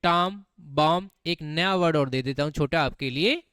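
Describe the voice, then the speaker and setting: A man's voice: fairly high pitch, brisk, fairly bright tone, no room sound, studio quality. A man teaching English vocabulary in a classroom style, often quizzing his students and repeating words back to them. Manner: keeps asking students questions and repeating words, calls them beta.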